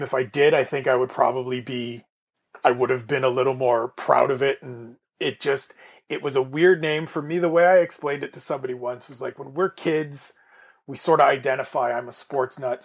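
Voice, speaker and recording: A man's voice: medium pitch, gravelly, slightly rough. A man from Canada hosting a casual podcast chat, talking in a rambling way with restarts. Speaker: podcast host.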